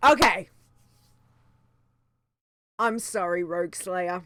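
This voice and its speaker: A woman's voice: on the low side, takes it slowly, bright, forceful tone, a little hiss or hum. A woman hosting a podcast in a casual, chatty way, repeating phrases for emphasis. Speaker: podcast host. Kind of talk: casual chat, announcing weekly team results.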